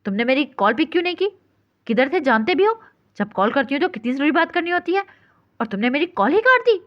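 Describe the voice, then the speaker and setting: A woman's voice: fairly high pitch, expressive, close to an everyday voice. A woman doing a bossy, nonstop-talking girlfriend. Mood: scolding. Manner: rapid nonstop scolding. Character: bossy chattering young woman on phone. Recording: dull lo-fi recording.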